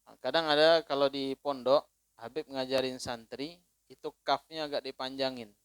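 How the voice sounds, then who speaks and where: A man teaching a religious lesson in casual speech, reciting Arabic slowly and louder and letting phrase ends fall soft. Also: mid-range voice, steady tone, smooth, no echo. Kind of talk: sermon.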